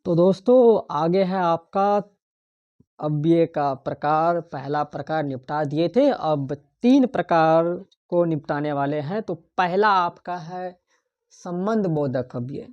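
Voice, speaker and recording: A woman's voice: deep voice, slow, a little mellow, highs cut off. A woman teaching an exam-prep Hindi grammar lesson, who asks the class questions and repeats each key term.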